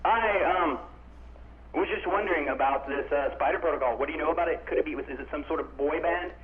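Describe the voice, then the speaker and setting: A deadpan male caller mumbles his questions down a thin, tinny phone line. He talks fast and lets his sentences trail away, with a faint hiss on the line. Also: on the high side.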